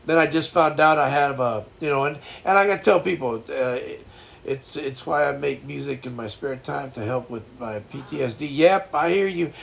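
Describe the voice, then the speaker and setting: A man in his sixties chatting casually as a livestream host, with a blocked-nose sound and a halting, reflective, folksy way of reassuring people. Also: on the high side, vocal fry, fairly bright tone. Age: 60s. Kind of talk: casual chat.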